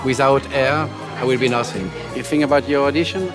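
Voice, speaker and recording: A man's voice: mid-range voice, fairly even intonation, fairly quick. Playful French man in his sixties. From France. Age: 60s. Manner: playful, broken English. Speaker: talent show contestant. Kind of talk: stage act with banter. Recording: live theater with loud crowd and music.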